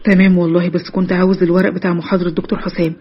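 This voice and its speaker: A woman voicing an earnest, polite young man courting a girl, speaking softly and steadily in an Egyptian accent. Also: on the low side, little pitch movement, racing, slightly rough, dull audio, pitched below the performer's own voice. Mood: sincere. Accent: Egyptian Arabic.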